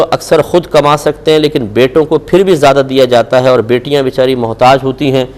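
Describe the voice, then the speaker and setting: Speaking in a mid-range, slightly mellow voice, a Pakistani Urdu-accented man answers religious questions live on television. He takes a firm, admonishing line and throws in rhetorical questions.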